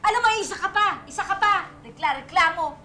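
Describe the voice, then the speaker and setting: A woman's voice: very high-pitched, fairly quick, bright, forceful tone, echoey room, faint music behind. An actress playing a middle-aged mother in a TV drama, nagging and kvetching as she scolds her children. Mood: kvetching, exasperated. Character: nagging, complaining mother of a poor family. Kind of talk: naturalistic TV drama acting.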